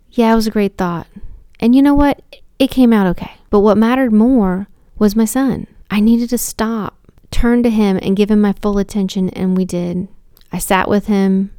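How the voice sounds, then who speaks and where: A woman in her thirties or forties, a mother of four, telling a personal story in an animated, self-deprecating way and talking straight to the listener. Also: medium pitch, smooth, dry recording.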